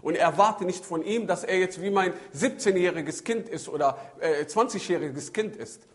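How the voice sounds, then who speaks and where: A man's voice: high-pitched, moderate pace. A man giving a religious talk as a preacher, telling stories animatedly and adding Arabic religious phrases. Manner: animated storytelling with shifting emphasis. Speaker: Islamic preacher. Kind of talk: religious talk on child-rearing.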